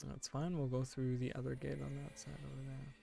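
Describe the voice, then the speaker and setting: A game streamer in his late twenties rambles in casual chat, thinking out loud and self-correcting, his speech packed with "like" and "you know." He talks briskly in a warm but monotone medium-pitched voice with vocal fry, and faint music plays behind him.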